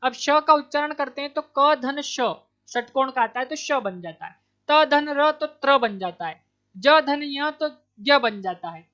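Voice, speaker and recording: Woman exam tutor, slightly high voice, patient and repetitive, on muffled lo-fi audio. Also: fairly bright tone. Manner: explains step by step, repeating answers with "ठीक है". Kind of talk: online exam-prep lesson. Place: Madhya Pradesh, India. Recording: dull lo-fi recording.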